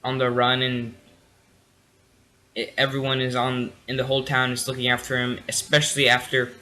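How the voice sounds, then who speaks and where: A man's voice: medium pitch, completely flat delivery, moderate pace, bright, forceful tone, rough recording. Tired young man rambling a review. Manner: rambling, full of fillers and restarts. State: tired, yawning. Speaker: TV episode reviewer. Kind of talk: casual spoken review.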